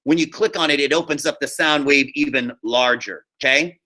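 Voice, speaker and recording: A high school drama teacher gives a class informal, encouraging step-by-step instruction over screen share, often checking that everyone is following. His voice is on the high side, bright and forceful, at a moderate pace.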